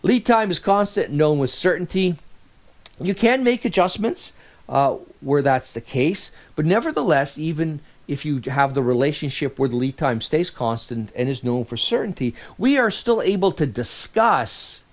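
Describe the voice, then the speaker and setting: A man's voice: on the high side, very animated, normal speed. A man giving a recorded lecture as an instructor, talking in a conversational way and often restarting or correcting himself.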